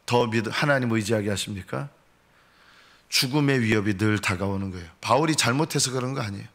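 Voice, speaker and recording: A man preaching a dawn sermon in a church sanctuary, his voice at an ordinary middle pitch. He climbs high and loud when he acts out complaining prayers, then sinks low and soft for solemn points. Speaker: pastor.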